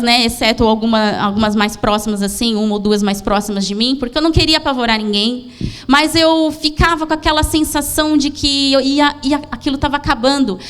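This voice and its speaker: A woman pastor with a Brazilian accent, her voice smooth and a little high. She tells a personal testimony from the pulpit in halting, heartfelt bursts, often breaking off and starting again. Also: fairly bright tone. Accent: Brazilian Portuguese. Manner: emotional, halting storytelling with many restarts. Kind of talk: sermon testimony. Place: church.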